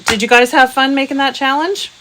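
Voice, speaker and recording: A woman's voice: sits high, fairly even intonation, a little fast, sharp tone, slight background noise. A woman hosting a crafting show in a casual chat with friends. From US West Coast.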